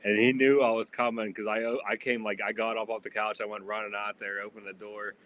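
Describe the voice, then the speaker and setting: Man, low voice, casual chat, filler-heavy, faint background noise. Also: flat delivery, fairly quick, a bit bright. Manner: rambling with many fillers.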